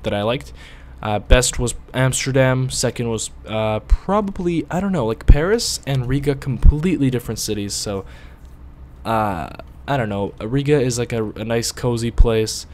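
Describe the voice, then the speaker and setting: A gaming video host whose first language is Latvian rambles through casual gameplay commentary, cursing and bursting out whenever the driving goes wrong. His voice is medium-pitched, with slight background noise.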